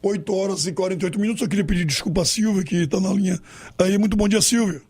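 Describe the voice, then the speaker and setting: High-voiced radio host. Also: male voice, rapid-fire, slightly rough. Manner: warm to callers, then firm editorializing. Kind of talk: live radio talk show.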